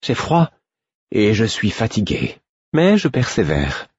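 A man reading the lines of a weary, gentle fool in an audiobook, soft and quietly stubborn. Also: lowish voice, wildly swooping pitch, takes it slowly, husky, no echo, dull audio, voice pushed up, heavily acted.

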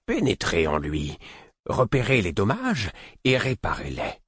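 A man voicing a stern older male mentor who gives curt orders and shouts in anger, reading an audiobook. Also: lowish voice, wildly swooping pitch, unhurried, breathy edge, dry recording, clean studio sound, pitched above the performer's own voice, full character voice. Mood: commanding. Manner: curt and commanding, rising to shouts.

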